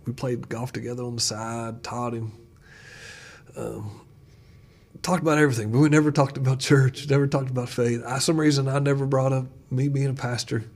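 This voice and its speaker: A man who is a pastor, telling stories in a casual chat and getting animated when he retells dialogue. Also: medium pitch, normal speed. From United States. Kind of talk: casual conversation, storytelling.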